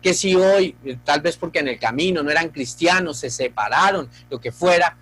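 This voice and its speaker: A man's voice: on the high side, moderate pace, a bit bright, husky, soft background music, low-quality recording. A male pastor preaching a sermon, earnest and speaking straight to the congregation.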